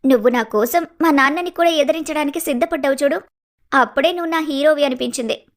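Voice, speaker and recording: A woman's voice: sits high, quick pace. A clever playful young woman. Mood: teasing, tender. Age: young adult.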